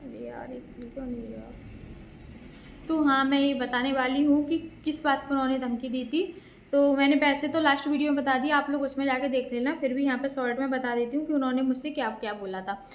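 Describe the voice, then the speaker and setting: A woman's voice: sits high, fairly even intonation, fast talker, echoey room. A woman vlogger explaining a dispute to her viewers at length, in a casual, aggrieved storytelling manner.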